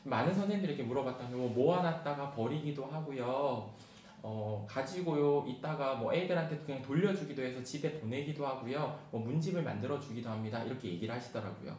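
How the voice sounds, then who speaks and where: A man giving an online training lecture to teachers, talking quickly and reading a picture book aloud with lively emphasis. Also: mid-range voice. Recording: roomy sound with faint background hiss.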